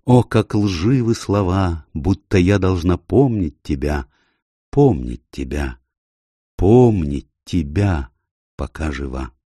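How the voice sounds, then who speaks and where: A man voicing a nightclub singer woman, delivering her song slowly in a half-sung lament. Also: sits low, lively intonation, warm tone, no room sound, studio quality, heavily acted. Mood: mournful.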